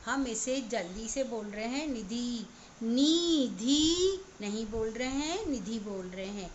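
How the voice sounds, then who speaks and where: A woman teacher giving an online class to young children, spelling words out slowly sound by sound. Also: on the high side, a little hiss or hum. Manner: slow, sound-by-sound spelling aloud. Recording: slightly dull, lo-fi recording.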